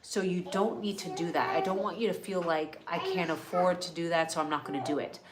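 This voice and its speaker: A middle-aged woman, born in Canada and raised in California, hosts a casual live wellness Q&A stream, reading out viewer questions in a chatty, earnest way. Her voice is on the low side, steady in tone, and brisk.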